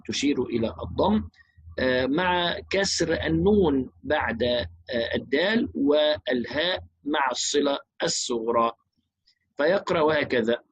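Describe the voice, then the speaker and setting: Husky man teaching Quran recitation. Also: mid-range voice, no echo, lo-fi sound. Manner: explains quickly, then recites verses slowly in melodic chant. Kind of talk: recitation lesson with chanted verses.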